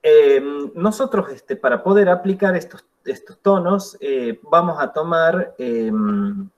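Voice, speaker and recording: Guy teaching english class, slow and patient, talks it through step by step. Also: on the high side, lively intonation, highs cut off. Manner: slow, patient explaining with demonstrations. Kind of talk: classroom lesson.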